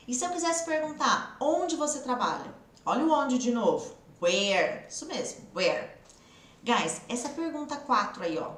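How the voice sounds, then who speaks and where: A woman's voice: fairly high pitch, roomy sound, far from the mic. A woman with a São Paulo countryside Brazilian accent teaching an online English lesson, coaxing students with drill questions. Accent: São Paulo countryside Brazilian Portuguese. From interior of São Paulo state, Brazil.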